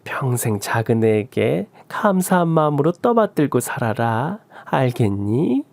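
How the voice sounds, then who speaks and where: A man voicing a pushy older mother-in-law who scolds and gloats in a high, drawn-out voice. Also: very animated, gravelly, darkish tone, dry recording. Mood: gloating. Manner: shrill, scolding, drawn-out wails.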